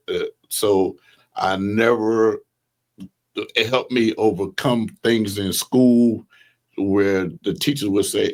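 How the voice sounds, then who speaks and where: An older man in his seventies, speaking in a fairly low voice. He tells his stories at an unhurried pace, drifting through long memories and chuckling now and then. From Southern United States. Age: 70s. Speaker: guest. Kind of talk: reminiscing interview talk.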